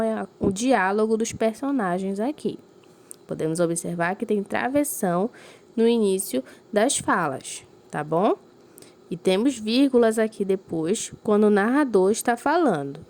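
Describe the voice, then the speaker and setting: A woman's voice: mid-range voice, animated, darkish tone. A woman teacher giving a recorded lesson to young pupils, explaining patiently and checking in with them often. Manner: slow, clearly emphasized reading of examples.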